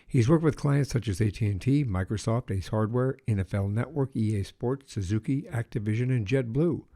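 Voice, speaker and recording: A man hosting a podcast, reading a scripted intro and then chatting with a guest in a measured way, pausing with fillers. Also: mid-range voice, mellow. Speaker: podcast host.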